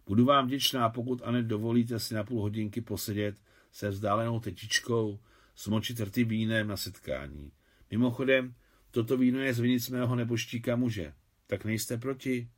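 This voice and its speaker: A man voicing a wealthy, gracious older widow who grew up in Russia, speaking gently and courteously in an audiobook. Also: medium pitch, natural voice.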